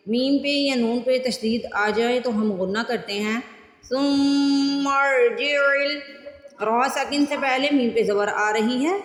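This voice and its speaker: Woman teacher chanting and explaining, echoey. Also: on the high side. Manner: slow drawn-out recitation alternating with patient step-by-step explanation. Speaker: Quran recitation teacher. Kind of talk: tajweed lesson, chanted recitation with explanation. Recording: roomy with long reverb.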